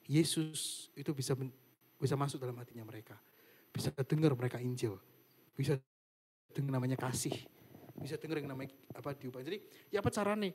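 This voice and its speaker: Chatty young man giving a casual sermon. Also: fairly high pitch. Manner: chatty, fillers and english words. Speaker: youth devotional speaker. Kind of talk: casual sermon over video call. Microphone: video call.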